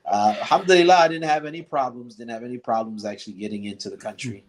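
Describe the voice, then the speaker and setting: A middle-aged man, a guest, telling a long personal story in a casual interview, with frequent restarts and fillers and lively quoted lines. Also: medium pitch, fast, a little hiss or hum. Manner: rambling, many restarts and fillers, animated when quoting others.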